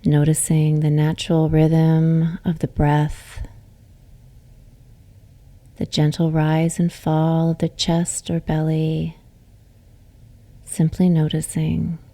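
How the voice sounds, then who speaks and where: A woman teaching yoga nidra leads a relaxation meditation, her voice soothing, gentle and unhurried, with phrases that end softly on a breath. Her pitch is low and her delivery stays completely flat.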